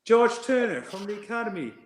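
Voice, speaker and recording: A man's voice: sits high, big pitch swings, brisk, roomy sound, slight background noise, voice pushed up. A man voicing a nervous young male rugby academy player introducing himself timidly.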